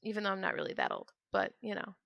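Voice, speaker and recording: A woman in her twenties chats casually and ramblingly while streaming a video game, sometimes trailing off into mutters to herself. Her medium-pitched, slightly bright voice has vocal fry, huge pitch swings and a fast pace, with no room sound.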